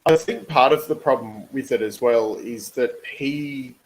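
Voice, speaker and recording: A man's voice: medium pitch, unhurried, darkish tone, low-quality recording. A young adult man co-hosting a casual motorsport chat, thinking aloud with lots of fillers and restarts. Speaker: podcast co-host.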